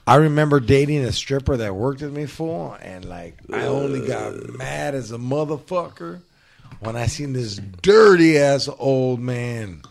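A man's voice: mid-range voice, animated, a little slow, gravelly. A man hosting a casual group chat, telling profane, slang-heavy stories. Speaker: podcast host.

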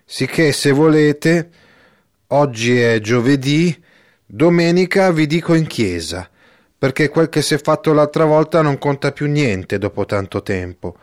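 A man's voice: fairly high pitch, expressive, measured pace, pitched above the performer's own voice. A man reading the part of a timid, fretful older village priest, talking in fussy, rambling bursts. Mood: relieved. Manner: fussy, rambling, emphatic exclamations. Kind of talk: audiobook character reading.

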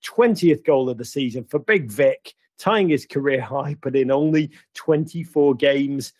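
A man's voice: mid-range voice, a little slow, darkish tone, slightly rough, no room sound. A man hosting a football podcast, giving casual news commentary with wry, playful asides. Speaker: podcast host.

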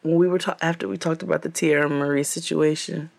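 A woman co-hosting a podcast in casual chat, playful, loud and quick to laugh. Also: sits low, steady tone, vocal fry. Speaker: podcast co-host.

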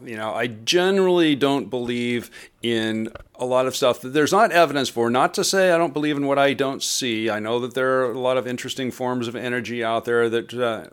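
A man speaking as a co-host on a radio show, casual, pausing often with fillers. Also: medium pitch, fairly bright tone, clean tone. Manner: hesitant, many fillers and restarts. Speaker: co-host reporter.

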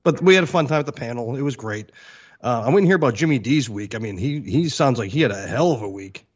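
A man's voice: medium pitch, animated, quick pace, breathy edge, lo-fi sound. A man co-hosting a podcast, rambling through stories in casual chat and chuckling often. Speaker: podcast co-host.

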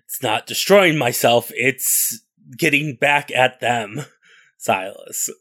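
A man's voice: mid-range voice, slow, sharp tone. A man playing a bitter, wounded man consumed by his wish for revenge. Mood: resentful. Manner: resentful, intense.

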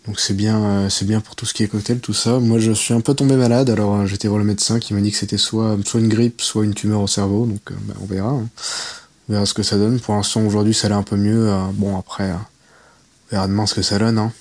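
A man's voice: on the low side, little pitch movement, quick pace, darkish tone. A man leaving a voicemail, hesitant and full of trailing fillers. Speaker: caller.

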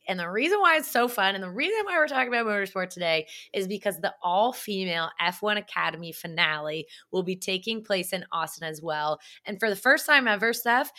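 Bubbly bright-voiced woman podcast co-host. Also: fairly low pitch. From Canada. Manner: bubbly, animated, laughs often. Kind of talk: casual sports podcast chat.

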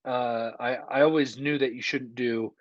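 A man's voice: mid-range voice, steady tone, a little slow. A man telling a casual anecdote as a guest comedian on a podcast, recorded in a hallway with audible echo. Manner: conversational, quotes other people's dialogue. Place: indoor hallway, video call. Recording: echoey hallway, dull muffled sound.

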